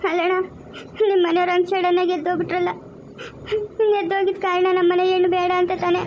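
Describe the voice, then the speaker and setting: A woman's voice: very high voice, monotone, fast talker, background noise. A woman playing a worried village mother of a deaf daughter, tearful and pleading, with a Chikkaballapur Kannada accent. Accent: Kannada of the Chikkaballapur region. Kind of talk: amateur family drama acting.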